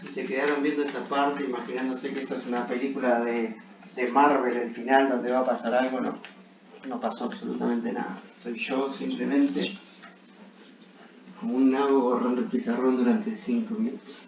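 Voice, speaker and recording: A man's voice: medium pitch, level tone, normal speed, gravelly, background noise. Echoey, distant man lecturing. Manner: frequent check-in tags while explaining. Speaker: engineering lecturer. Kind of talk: blackboard lecture, explaining a derivation step by step. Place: echoey room at a blackboard. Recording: echoey room, muffled, distant mic.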